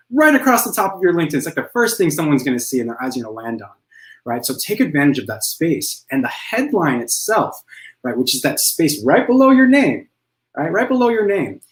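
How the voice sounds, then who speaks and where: A man speaking as a career coach guest in a casual interview, relaxed and conversational, often tagging his points with a question. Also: mid-range voice, echoey room, rough recording. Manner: relaxed, conversational, frequent "right?" tags.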